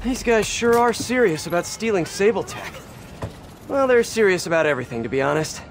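A man's voice: sits high, lively intonation, brisk. A man playing a young, upbeat, chatty superhero with an American accent, tossing out sarcastic, jokey banter in a video game. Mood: casual, wry. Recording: loud game music and traffic behind.

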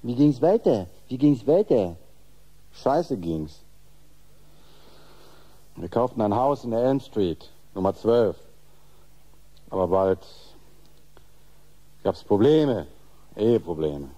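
An actor playing a flirtatious, sarcastic, rebellious patient with a husky voice in a German horror radio play. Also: male voice, on the low side, sing-song, slow, pauses often, warm tone, exaggerated voice, rough recording. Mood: sarcastic, bitter. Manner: insistent, cheeky.

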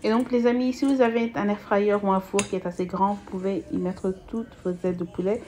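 In a casual cooking voice-over, a cooking channel host from Belgium walks viewers through a recipe at home, chatty but hesitant and full of fillers. Her mid-range voice is steady and dark in tone, and she speaks fairly quickly. Slight background noise can be heard.

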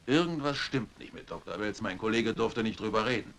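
An uneasy, earnest detective in a vintage dubbed thriller. His voice is gravelly and sharp, at an ordinary male pitch. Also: expressive, brisk. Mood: tense, businesslike.

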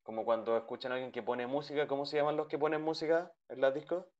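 A man's voice: mid-range voice, steady tone, fast, darkish tone. A man teaching an English class over a video call, patiently repeating each sound and checking in with his students. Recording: dull lo-fi call audio.

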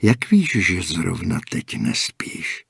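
A calm, cryptic older gas station attendant, played by a man, his low voice husky and hushed, often sinking to a half-whisper. He speaks slowly and flatly, stating things rather than asking. The audiobook recording is close and dry. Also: dry recording, heavily acted. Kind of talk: audiobook character voicing.

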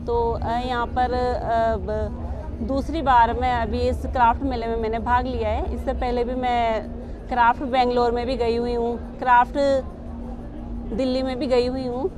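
A woman in her thirties, a weaver from a weaving village near Kota, explaining her craft earnestly with pauses and fillers at a craft fair stall, recorded by a camera a few metres away. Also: a little high, flat delivery, over music. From Kaithoon, Rajasthan, India. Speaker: Kota Doria weaver and artisan. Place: indoor craft fair stall with saris on display.

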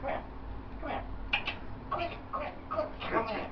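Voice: sits high, measured pace, roomy sound. A female pet parrot mimicking human greetings and phrases in a jabbering, muttering way. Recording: distant, dull lo-fi audio with noise.

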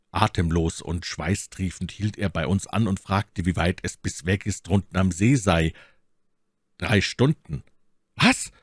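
A man reading a classic travel story aloud as an audiobook narrator, in a measured, dry storytelling manner. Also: low-pitched, no room sound. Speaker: audiobook reader.

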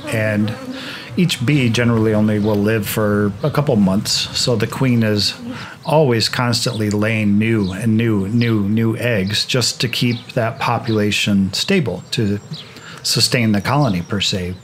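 A man explaining swarming while working his beehives in a grassy yard, in a relaxed manner with frequent restarts. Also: fairly low pitch, unhurried, slight background noise. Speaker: beekeeper, channel host. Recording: outdoor recording with insect buzz behind.

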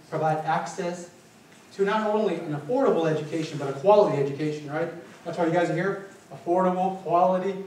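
A Filipino college administrator gives an energetic conference presentation in a small meeting room with windows, pacing, gesturing and putting questions to the audience. His voice is on the high side. A far-off camera with no visible mic picks him up, so the sound is echoey and distant with a little hiss or hum.

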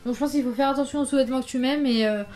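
Young female vlogger, high-pitched, bubbly and chatty with many fillers, casual try-on haul talk. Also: steady tone, rapid-fire, darkish tone. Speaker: fashion vlogger.

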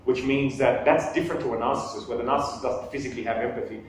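A man in his thirties talks fast in a mid-range voice with fairly even intonation, giving a casual live talk with questions to a small audience. Self-deprecating jokes and restarted sentences come often. Since a camera on a table across a small meeting room records him, he sounds distant and very echoey, with faint background noise.

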